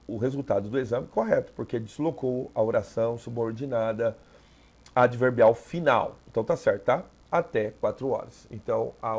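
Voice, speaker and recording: A Brazilian man teaches an exam review lesson with a gravelly, slightly fried voice at a mid pitch. He explains step by step and keeps checking in with the listener. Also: a little mellow. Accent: Brazilian Portuguese.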